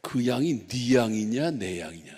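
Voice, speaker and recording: The Lord as a stern, wounded master, put on by a preaching pastor, who scolds slowly and swings from low to loud. A gravelly edge sits in the voice, and a long church reverb trails every line. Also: male voice, lively intonation. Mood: stern, grieved. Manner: slow, scolding, rising to shouts. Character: the Lord, stern grieving male shepherd-master.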